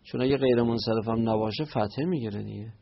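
A man teaches a grammar lesson with a gravelly, husky voice. He builds each point slowly, asking questions and then answering them himself. The recording sounds dull and lo-fi. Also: mid-range voice. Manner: explains step by step, poses and answers questions. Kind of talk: Arabic grammar lesson on Quranic verses.

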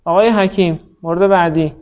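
A man's voice: high-pitched, steady tone, muffled recording. A man teaching Arabic grammar in a class, quizzing students by name and praising their answers patiently. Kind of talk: classroom lesson, drilling students.

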